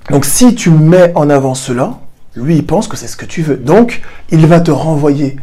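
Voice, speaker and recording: A man's voice: a little high, expressive, moderate pace, mellow, soft background music. A man hosting a personal growth channel, explaining ideas straight to the viewer and repeating key points for emphasis. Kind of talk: explanatory talk to camera.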